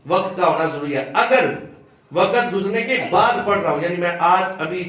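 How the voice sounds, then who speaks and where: A man's voice: sits high, animated, a bit bright. Man teaching in an echoey hall. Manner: explanatory, quizzes the class, chants drawn-out demonstrations. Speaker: religious teacher. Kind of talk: classroom instruction on prayer. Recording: very echoey room, distant mic.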